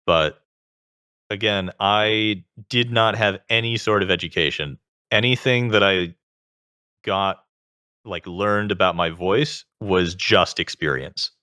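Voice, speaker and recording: Close, dry audio with no room sound captures this interview guest, a self-taught singer with a very low-pitched, fry-tinged voice. Forceful and bright in tone, he talks conversationally and explains carefully, qualifying his points along the way.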